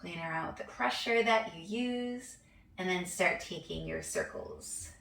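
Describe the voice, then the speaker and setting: Gravelly-voiced woman leading a yoga class. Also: on the low side, measured pace. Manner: relaxed, chatty, laughs at herself. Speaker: yoga instructor. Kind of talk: guided hand massage class. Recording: echoey room, voice from a distance.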